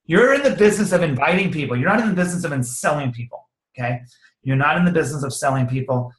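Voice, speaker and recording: A man giving a casual, energetic sales training talk, slangy and quick to act out sample conversations. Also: on the high side. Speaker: network marketing trainer. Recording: roomy echo.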